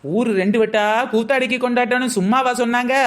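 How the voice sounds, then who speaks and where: A woman's voice: a little high, fairly even intonation, fast talker, natural voice. A woman playing a scheming young village shopkeeper selling hair oil in a scripted comedy skit, with sly, wisecracking sales patter.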